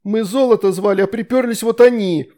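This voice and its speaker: A man's voice: high-pitched, fairly quick, pitched above the performer's own voice, lightly acted. A man reading an audiobook, voicing an indignant greedy female demon. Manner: indignant, sharp.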